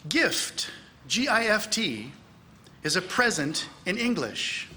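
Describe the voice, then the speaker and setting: A man's voice: high voice, slow, a little hiss or hum. A middle-aged man giving a lecture to a church audience from the pulpit, acting out bits of dialogue in a raised voice. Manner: animated, acts out dialogue with raised voice. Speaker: speaker at a church conference. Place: large church hall.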